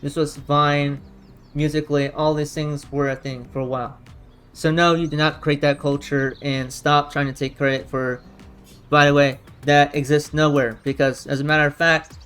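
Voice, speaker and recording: Male reaction commentator: fairly high pitch, argumentative, rambling delivery, light music underneath. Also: flat delivery, normal speed, a bit bright, clear, resonant tone. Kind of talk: unscripted opinion commentary.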